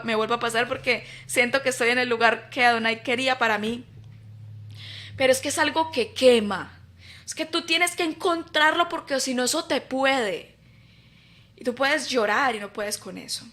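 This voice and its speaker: High, bright-voiced woman telling her story. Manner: animated storyteller, repeats words for emphasis; acts out remembered dialogue. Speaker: interview guest, host's wife. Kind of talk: conversational personal testimony.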